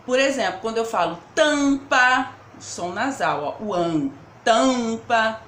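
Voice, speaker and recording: Slow patient teacher lady, lively bouncy voice, echoey room w/ faint hum behind. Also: fairly high pitch. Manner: patient, repeats and sounds out example words; checks in with the class often. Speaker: primary school teacher. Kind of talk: remote grammar lesson for children.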